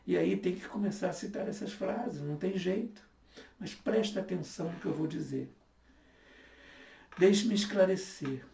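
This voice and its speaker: A man in his fifties gives a sermon in an earnest, repetitive way. His voice is fairly high and gravelly. He is recorded from a distance in an echoey room. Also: moderate pace, warm tone, slight background noise. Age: 50s. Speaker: pastor.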